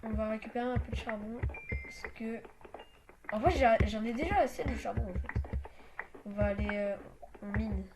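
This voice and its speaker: Hesitant high-voiced woman narrating gameplay. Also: moderate pace, long pauses, background noise. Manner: hesitant, many fillers and restarts. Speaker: gaming channel host. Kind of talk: casual gameplay commentary.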